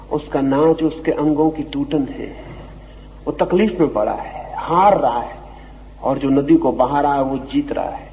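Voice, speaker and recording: A man giving a slow, deliberate spiritual discourse, his voice swelling and dropping for emphasis. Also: fairly high pitch, mellow, in a large hall, slight background noise, low-quality recording. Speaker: spiritual teacher. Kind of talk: philosophical discourse.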